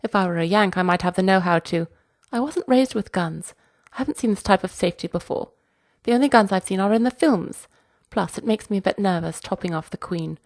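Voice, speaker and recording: A woman's voice: medium pitch, a little fast, a little mellow, close to an everyday voice. Woman voicing a meek nervous son. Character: hapless adult son, mild and nervous.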